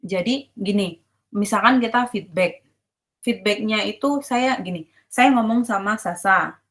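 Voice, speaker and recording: Woman, university lecturer, online class, video call, casual explaining, mixes in English terms, mid pitch. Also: fairly bright tone. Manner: explains casually, checks if students understand.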